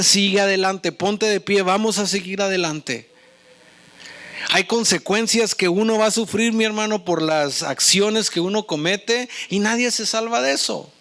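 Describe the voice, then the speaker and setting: A man's voice: high voice, fairly bright tone. Earnest male pastor preaching. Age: adult with young children. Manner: earnest preaching, asks the congregation questions. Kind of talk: sermon.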